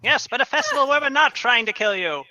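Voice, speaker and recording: A man's voice: extremely high pitch, expressive, quick pace, sharp tone, voice pushed up, full character voice. A man voicing a showy, eager carnival barker in a tabletop game. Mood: excited. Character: excitable carnival barker rallying a town to festival.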